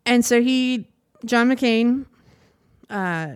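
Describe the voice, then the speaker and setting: A woman's voice: on the high side, drawn-out words, clear, resonant tone, no room sound. Chatty young woman with a dry, close sound. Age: young adult. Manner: chatty, laughing, rambling and animated. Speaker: podcast host. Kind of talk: casual monologue.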